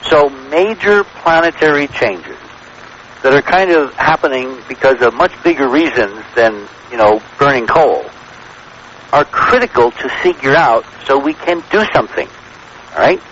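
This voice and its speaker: Very animated and fairly bright, this American man's medium-pitched voice moves at a normal speed. As a radio interview guest he lays out his theories assertively, lecturing and checking his points get across, all over a noisy, dull vintage broadcast.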